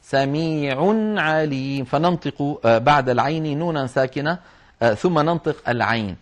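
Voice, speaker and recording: Man teaching, chanting examples slowly. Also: on the high side. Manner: patient step-by-step explaining, chanting examples slowly. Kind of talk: explanatory lesson on Quran orthography marks.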